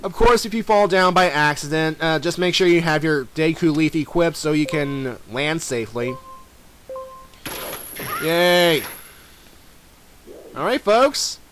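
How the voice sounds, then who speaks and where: Young male let's player, high voice, loose rambling commentary full of fillers. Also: animated, normal speed, hardly any pauses, fairly bright tone, faint music behind. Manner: rambling, many fillers and restarts, talks to the villain directly. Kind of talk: casual game commentary.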